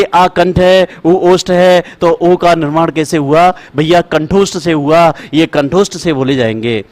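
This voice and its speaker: High-voiced teacher chanting rules. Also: male voice. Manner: repetitive, chanting rules for dictation; talks to students as brother and child. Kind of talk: classroom lecture.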